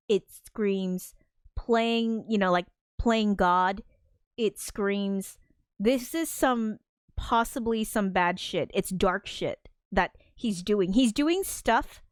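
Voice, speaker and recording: Woman host, rambling and chatty, mid pitch, dead-dry close mic. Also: no room sound. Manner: chatty, rambling, often laughing; reads out viewer chat comments. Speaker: livestream host. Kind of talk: casual livestream commentary.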